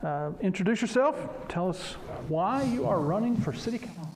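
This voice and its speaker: A man's voice: high voice, animated, normal speed, a crowd in the background. A man speaking through a face mask as he moderates a local election debate. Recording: noisy ambience, masked speech. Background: clear ambient noise.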